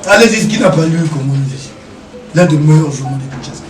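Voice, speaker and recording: A man's voice: fairly high pitch, lively intonation, fairly quick, roomy sound, far from the mic, background noise. A man, talking as an interview guest, emphatic and repeating his rhetorical questions. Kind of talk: animated interview talk, mixing French and Lingala.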